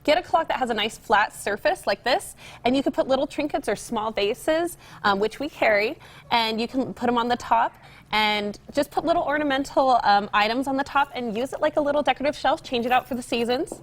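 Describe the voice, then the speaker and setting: A young American woman appears as a guest from a home decor store, giving a casual, upbeat demonstration in a TV studio interview. Her voice leans high and she talks a little fast.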